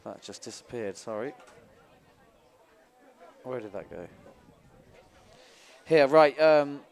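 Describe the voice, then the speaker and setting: A man with a mid-pitched voice co-commenting on a live sports event. He talks through the action in a chatty, musing way, often restarting his sentences. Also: lively intonation, slow pace.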